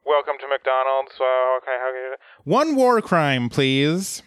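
A man doing a bit as a fast-food drive-thru worker talking through the order speaker, with flat, rote order-taking patter. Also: mid-range voice, smooth, no room sound. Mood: deadpan. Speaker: podcast co-host. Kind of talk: casual podcast banter.

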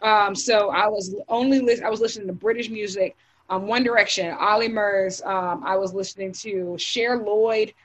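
A young American woman chatting casually on a podcast. She talks in long, loose runs packed with fillers and restarts, and her voice sits at a middle pitch. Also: fairly even intonation, moderate pace, low-quality recording. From United States. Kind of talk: casual group chat.

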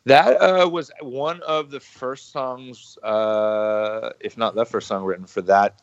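A musician appearing as a podcast guest talks casually in a medium-pitched, steady voice, halting often, restarting, repeating words, chuckling, and swearing freely. The audio is muffled and lo-fi, with no echo.

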